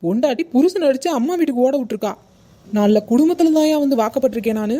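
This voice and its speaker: A woman voicing an exasperated, sharp-tongued cartoon housewife, sarcastic and scolding. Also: high-pitched, animated, quick pace, crowd noise. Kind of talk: cartoon comedy voice acting.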